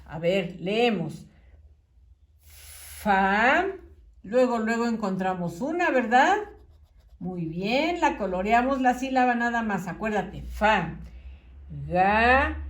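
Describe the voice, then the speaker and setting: Slow sing-song woman teacher in a roomy space. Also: fairly high pitch, lively intonation. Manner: patient, sing-song, encouraging, syllable by syllable. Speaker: primary school teacher. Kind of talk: slow children's dictation lesson. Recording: roomy, slightly distant mic.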